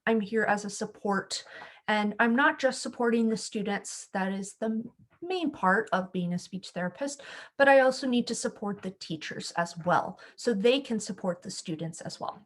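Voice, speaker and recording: A young adult woman, a school speech-language pathologist, explaining a form step by step in a friendly, steady way. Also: medium pitch. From California. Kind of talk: screen-share tech tutorial.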